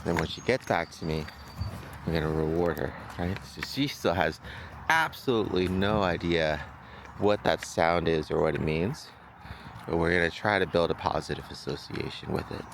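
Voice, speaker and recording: A man's voice: deep voice, moderate pace, gravelly, background noise. A man working as a dog trainer, explaining a training demonstration in a casual, think-aloud way outdoors. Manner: informal, thinking aloud, checking with "right?".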